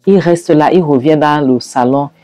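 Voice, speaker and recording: Storyteller narrating a movie scene by scene, lots of ums, mid pitch. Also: moderate pace, warm tone, dry recording. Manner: hesitant, with fillers and acted quotes. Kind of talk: retelling a film scene by scene.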